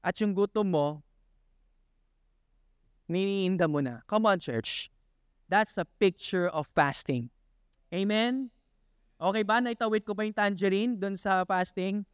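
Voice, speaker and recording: A man preaching a casual, conversational sermon who peppers the congregation with questions and laughs, stumbles through fillers and then builds to excited emphasis. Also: sits high, takes it slowly, long pauses, clean tone, no room sound, studio quality. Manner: chatty, asks the congregation questions, laughs often. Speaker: pastor. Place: church worship hall.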